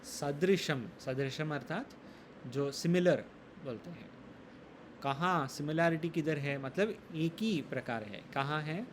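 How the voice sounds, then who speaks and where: A man teaching a Sanskrit grammar lesson, explaining rules slowly, reciting sutras and quizzing his students. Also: fairly high pitch, expressive, slight background noise. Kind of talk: classroom lesson in Hindi.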